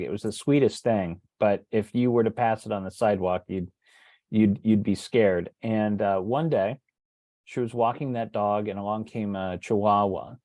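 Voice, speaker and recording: A middle-aged man with a fairly low voice recounts a true story from his own life. He talks casually, pausing on fillers and restarting his sentences. The sound is dry and close, with no room behind it. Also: darkish tone, no echo. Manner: conversational, many fillers and restarts. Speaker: true crime writer and teacher.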